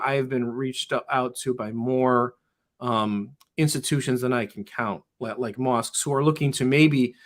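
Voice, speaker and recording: This man, a public school teacher, has a mid-range, slightly bright voice. He talks earnestly in a casual interview, frequently beginning sentences again with "you know."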